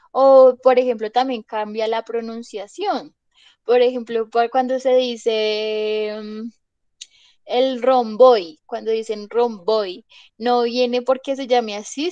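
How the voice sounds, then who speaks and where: During a chatty English lesson, a woman explains with plenty of examples and checks in with her students, asking "¿listo?". Her pitch is fairly high and her tone darkish. The recording is dry and muffled.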